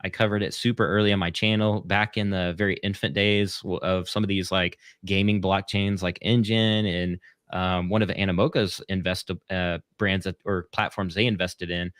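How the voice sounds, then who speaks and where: Man, interview guest, rambling, filler-heavy, lowish voice, dry sound. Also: level tone, normal speed, fairly bright tone, dry recording. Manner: rambling, hesitant with many fillers. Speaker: guest, content creator. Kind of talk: casual interview chat.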